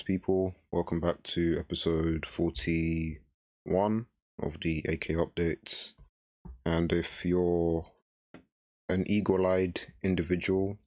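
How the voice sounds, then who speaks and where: A man with a deep voice and very little melody co-hosts a casual podcast. He sounds deadpan, choosing slightly mock-formal wording. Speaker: podcast co-host.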